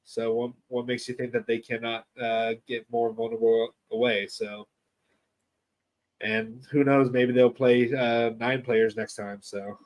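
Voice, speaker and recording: A man's voice: medium pitch, flat delivery, unhurried, a little mellow. A man co-hosting a casual sports podcast, rambling and joking as he talks. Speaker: podcast co-host.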